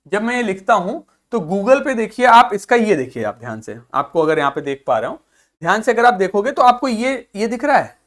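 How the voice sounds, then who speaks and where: A man teaching a video lesson, who repeats himself, checks in with the viewer often and sounds words out slowly. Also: high voice, very animated, fairly bright tone. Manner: repetitive, keeps checking in with the viewer. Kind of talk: classroom-style video lesson.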